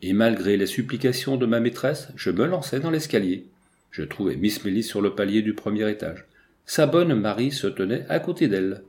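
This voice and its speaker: A man narrating a first-person story as an audiobook reader, measured with lively emphasis. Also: on the low side.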